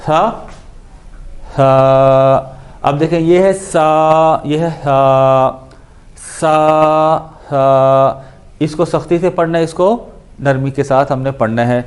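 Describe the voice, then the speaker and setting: A man teaching Quran recitation, patiently explaining and repeating syllables slowly to show how each letter sounds, with English words mixed in. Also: fairly high pitch, a little mellow. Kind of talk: explanatory lesson on pronunciation.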